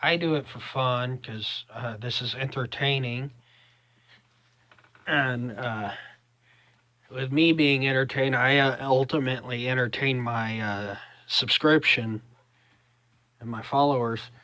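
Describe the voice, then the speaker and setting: A young man speaks with a Southern American drawl at an unhurried pace. He rambles haltingly, as in a casual solo vlog, and the sound is close and dry, with a middling pitch. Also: bright, forceful tone, no echo. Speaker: vlogger.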